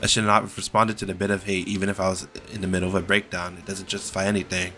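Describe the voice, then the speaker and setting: A young man reading a somber scripted apology as an online creator, serious and measured, sometimes stumbling over his words. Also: sits low, level tone, bright, forceful tone, faint music behind.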